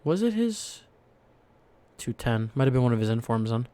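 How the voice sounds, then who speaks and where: A young man casually chatting about football cards as a podcast co-host, excitable and rambling. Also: mid-range voice, moderate pace.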